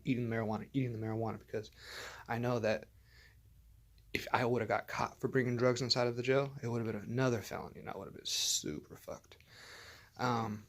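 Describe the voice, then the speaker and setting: A man's voice: mid-range voice, fairly bright tone. Rambling, profane man telling a story. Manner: rambling and profane, many fillers and restarts. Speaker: vlogger. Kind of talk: casual personal storytelling.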